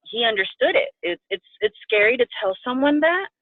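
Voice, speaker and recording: A woman's voice: on the high side, lively intonation, brisk, no echo. A Puerto Rican woman, a coaching client, talking effusively and sometimes tearfully in a video-call interview. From Puerto Rico. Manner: effusive, gushing, tearful at times. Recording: tinny phone-like line.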